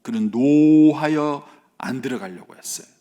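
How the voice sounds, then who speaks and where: A man in his fifties, a senior pastor, preaching an emphatic sermon in a church and rising sharply in pitch when he voices a quoted speaker. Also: measured pace, dark tone, dull audio. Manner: emphatic preaching, voice rising high when quoting the elder son. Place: church sanctuary.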